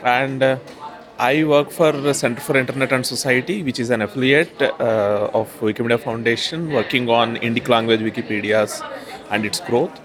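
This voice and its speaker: A man's voice: mid-range voice, moderate pace, a crowd in the background. A man from southern India, introducing himself at a meeting with many hesitant fillers. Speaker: workshop participant.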